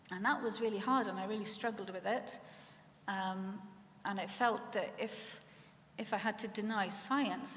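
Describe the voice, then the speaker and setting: Her voice medium in pitch and a bit bright, a middle-aged woman from Wales shares her testimony of faith at church. She speaks earnestly and reflectively, often pausing and starting over, while the hall's long reverb and faint noise linger around her.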